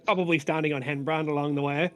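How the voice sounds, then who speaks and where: A man's voice: on the high side, steady tone, fast talker, a bit bright, soft background music. A man playing in a tabletop game, casual and stammering with restarts. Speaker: player. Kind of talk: casual tabletop role-play.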